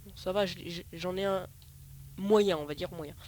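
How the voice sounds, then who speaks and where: A man's voice: high-pitched, fairly even intonation, moderate pace, darkish tone, a little hiss or hum. A man giving casual, rambling gameplay commentary, often correcting himself and swearing casually. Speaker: let's play host.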